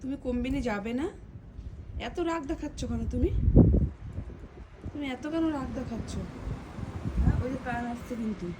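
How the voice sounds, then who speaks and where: A woman's voice: on the high side, moderate pace, pauses often. Coaxing mother on a noisy street. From India. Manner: coaxing and cajoling, repeats herself. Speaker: vlogger and mother. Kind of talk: casual phone vlog. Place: outdoors on a street. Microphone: handheld phone. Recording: noisy outdoor street phone recording.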